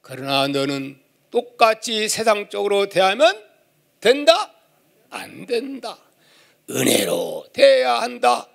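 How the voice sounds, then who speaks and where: A man voicing God as a calm, gentle father figure who speaks slowly, low and solemn. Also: creaky, exaggerated voice. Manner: slow, low, soft-spoken and solemn.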